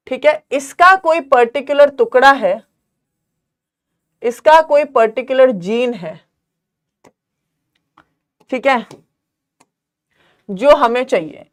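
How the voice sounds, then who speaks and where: Slow, smooth-voiced woman teaching a class. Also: a little high. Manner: calls students "beta", quizzes them, asks if it's clear; mixes English terms into Hindi. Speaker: online biology teacher. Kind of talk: live online class with chat questions.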